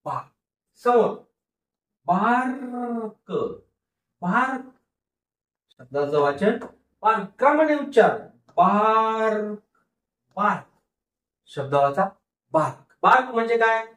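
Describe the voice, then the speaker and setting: Male teacher, phonics lesson, repeats each word, high-pitched, roomy echo. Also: very animated, a bit bright. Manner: sounds words out slowly syllable by syllable, then repeats them; asks the class questions and answers them himself. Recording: roomy echo, mic far off.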